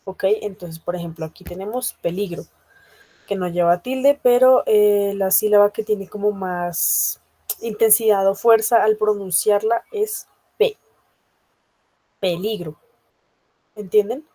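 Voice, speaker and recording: Patient woman teacher, mellow and dry. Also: medium pitch, steady tone, a little slow, dry recording. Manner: patient, checks understanding often; many hesitation fillers. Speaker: language teacher. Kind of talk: explaining a grammar lesson to a class.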